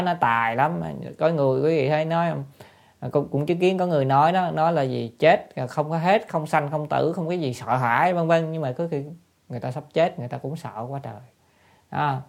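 Creaky-voiced woman giving a dharma talk. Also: low-pitched. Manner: asks the listeners rhetorical questions and answers them; repeats short phrases for emphasis. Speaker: Buddhist dharma teacher.

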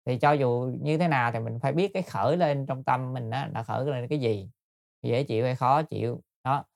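A man gives a Buddhist dharma talk in a gravelly voice. He explains patiently and politely, often pausing to search for words. The recording is dry and close, with no room sound. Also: mid-range voice, no room sound. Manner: patient, explanatory, addresses listeners politely with frequent hesitations. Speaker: Buddhist teacher.

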